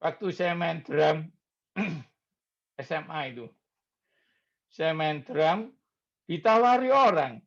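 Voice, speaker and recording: A man's voice: a little high, very slow, creaky, long pauses. A middle-aged man preaching a sermon, telling stories animatedly and acting out the voices he quotes. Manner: animated storytelling, acts out quoted voices, addresses congregation as "saudara". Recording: slightly dull lo-fi sound.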